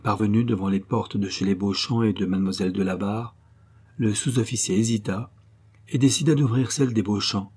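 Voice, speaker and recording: A man narrating an audiobook in a measured, grave storytelling manner. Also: fairly low pitch, steady tone, darkish tone, breathy edge. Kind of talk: scripted narration.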